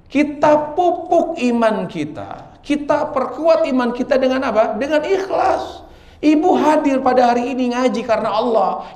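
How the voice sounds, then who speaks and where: A man preaching a sermon to a live audience, animated and questioning his listeners. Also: high voice. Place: lecture hall with audience. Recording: echoey hall.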